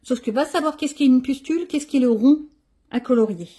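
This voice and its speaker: Chatty grumbling woman, husky voice. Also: high-pitched, a little fast, warm tone. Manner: chatty, grumbling and self-mocking. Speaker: coloring channel host. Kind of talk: casual chat showing her coloring pages.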